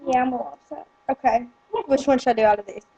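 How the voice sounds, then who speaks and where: Husky-voiced woman eating gross jelly beans. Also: high-pitched, fairly even intonation, rapid-fire, warm tone, dull audio. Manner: joking, exaggerated complaining. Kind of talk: casual reaction chat during a gross jelly bean taste test.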